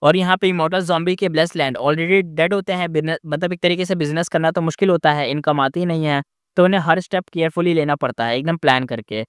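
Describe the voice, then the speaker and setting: Man, casual novel recap, filler-heavy, smooth resonant voice, dry close mic. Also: a little high, fast, dry recording. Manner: rambling, with frequent fillers and self-corrections.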